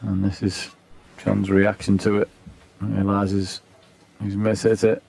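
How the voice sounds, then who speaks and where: A man giving hushed live snooker commentary in measured, understated short phrases. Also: fairly low pitch, monotone, vocal fry.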